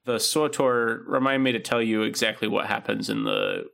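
A young man co-hosts a podcast, chatting casually and rambling with plenty of fillers and restarts. His voice is lowish and a bit bright, with huge pitch swings, vocal fry, and a moderate pace.

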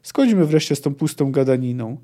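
A man voicing a scornful young female elf outlaw, read aloud with a sharp, dismissive edge. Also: mid-range voice, animated, brisk, close to an everyday voice.

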